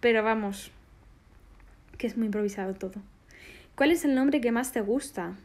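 A woman's voice: a little high, moderate pace, darkish tone. A woman, bubbly and affectionate, casually answering fan questions on a phone live stream. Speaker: singer doing a live stream.

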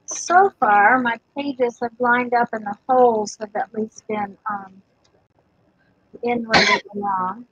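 A woman's voice: fairly high pitch, takes it slowly, a bit bright, a little hiss or hum. A woman casually talking through a craft demonstration, chatty and rambling with fillers. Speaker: craft instructor. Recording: dull lo-fi dry sound.

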